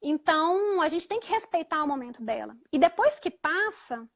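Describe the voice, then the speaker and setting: Brief: Brazilian woman host with a very high voice, casual and halting, gentle when quoting her child-talk. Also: very animated. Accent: Brazilian Portuguese. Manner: hesitant, with frequent restarts and repeated fillers; gentle, soft-spoken when quoting what she tells her child. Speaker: host of a live chat on parenting. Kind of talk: casual explanatory chat.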